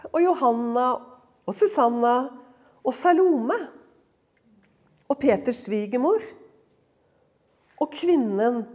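A woman speaking at a women's retreat, telling Bible stories in a lively, conversational way, acting out quoted lines and dropping to a hush at tender moments. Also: a little high. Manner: lively storytelling, acts out quoted lines, swings from loud to hushed; conversational fillers, frequent laughter in voice. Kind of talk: devotional talk.

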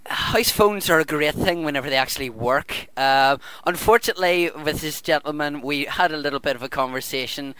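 A male podcast interviewer chats as he introduces a guest. His voice is smooth and clear, at a middling pitch. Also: bright, forceful tone, dry recording, poor audio.

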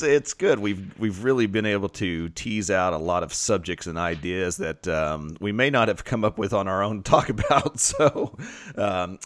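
Man with an Oklahoma accent, very animated. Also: low voice. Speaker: podcast host. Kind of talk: casual podcast chat.

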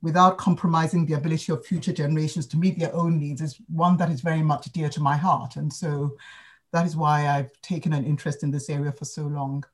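A woman in her fifties from Ghana, answering interview questions in a measured, explanatory way. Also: low-pitched, steady tone. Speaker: guest, sustainability advisor.

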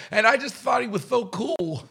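A man in his fifties from the United States, telling stories in an animated podcast chat and tagging lines with "okay?". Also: very high voice, normal speed, creaky, husky. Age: 50s. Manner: emphatic, repeats "okay?" often, acts out quotes. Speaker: guest.

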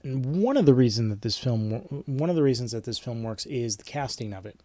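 A man's voice: mid-range voice, lively intonation, a little fast, dark tone, no echo. A man teaching a film studies class in an informal, rambling way, with frequent ums and restarts. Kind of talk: informal online lecture.

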